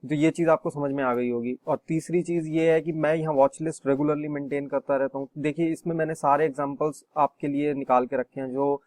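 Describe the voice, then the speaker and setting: A man explaining intraday stock selection in a screen-share tutorial, pausing often with fillers and restarts. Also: fairly high pitch, fairly even intonation, a little mellow, no echo. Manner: hesitant, many fillers and restarts. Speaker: trading instructor.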